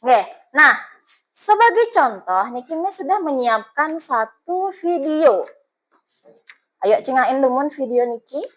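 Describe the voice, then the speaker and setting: A woman's voice: high voice, animated, a little slow, long pauses, fairly bright tone, rough recording. A woman teacher with a Balinese accent, coaxing her students with questions as she teaches a class.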